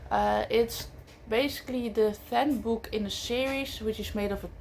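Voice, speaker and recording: A book vlogger whose first language isn't English chats casually about books, full of fillers and self-corrections. Her voice sits on the high side with a steady tone, normal speed, vocal fry and a darkish color, with slight background noise.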